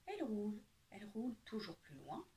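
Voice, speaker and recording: A woman reading a children's picture book aloud with lively, expressive storytelling. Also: medium pitch, fairly quick, a little hiss or hum.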